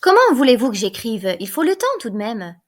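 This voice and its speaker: A woman reading the part of a gruff, self-important male prison guard, in a blunt, grumbling manner. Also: on the high side, very animated, fairly quick. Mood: plodding.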